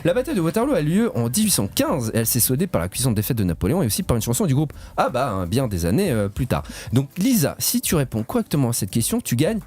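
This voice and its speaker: A man with a slightly husky voice, hosting a radio quiz in a studio in a joking, playful way. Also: mid-range voice, fast, few pauses. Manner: lively, joking, stretches key words. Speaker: quiz host.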